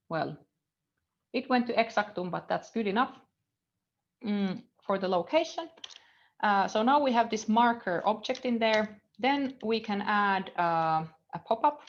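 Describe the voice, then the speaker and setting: Speaking with a Finnish accent, this university lecturer in her thirties teaches live coding at a computer indoors. Her medium-pitched voice has lively intonation and an unhurried pace, though she fills pauses often and trails off while reading code aloud. The audio sounds dull.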